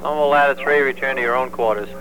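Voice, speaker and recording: A man's voice: mid-range voice, steady tone, racing. A man working as a fire alarm dispatcher, making urgent, terse, formal radio calls and repeating each message. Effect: two-way radio. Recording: very noisy emergency radio with hum. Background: hum and radio noise.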